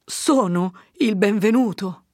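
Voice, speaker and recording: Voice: mid-range voice, takes it slowly, no room sound, clean studio sound, voice pushed up. A reader voicing a resolute, earnest young man speaking firmly to an old priest and a mother. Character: determined young man returning home.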